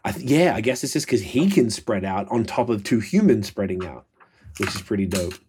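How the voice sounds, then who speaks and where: A male podcast host with a fairly low voice. He talks in loose, casual slang and swears freely as he chats. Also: lively intonation, fairly quick, darkish tone, breathy edge. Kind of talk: casual profane podcast chat.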